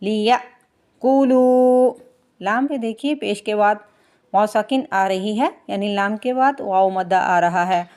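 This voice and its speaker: A woman teaching Quran recitation rules, chanting verses slowly and drawn out, then explaining quickly in plain speech. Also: mid-range voice. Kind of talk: tajweed lesson, slow recitation alternating with quick explanation.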